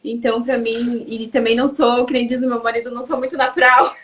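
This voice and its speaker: Woman in her thirties, interview guest, soft-spoken chatty delivery, slightly higher voice, a bit off-mic. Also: fairly even intonation, brisk, distant mic, poor audio. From Paraná, Brazil. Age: 30s. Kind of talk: casual interview chat.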